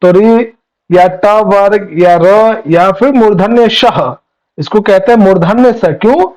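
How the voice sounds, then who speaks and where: A man teaches a Sanskrit grammar class online, speaking in a notably high voice. He explains patiently and keeps putting questions to his students. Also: takes it slowly, darkish tone, poor audio.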